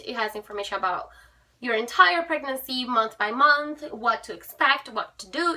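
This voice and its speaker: A woman's voice: sits high, bright, forceful tone. A young woman chatting upbeat to camera as a book vlogger, with small fillers. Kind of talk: casual chat to camera. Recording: voice a little distant from the mic.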